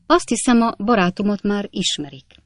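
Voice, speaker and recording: A woman's voice: medium pitch, expressive, no echo, clean studio sound, pitched above the performer's own voice, natural voice. A woman voicing a cheerful young male medical student who eagerly welcomes guests in a bustling, raised voice. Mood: hearty welcoming.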